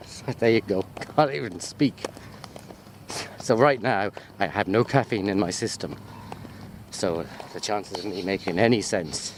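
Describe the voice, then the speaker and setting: A university lecturer from the United Kingdom, speaking in a low-pitched voice, records himself on a handheld wide-angle sports camera as he walks through botanical gardens. The chat is casual and off the cuff, full of jokes and tangents, and outdoor ambient noise from walking runs underneath.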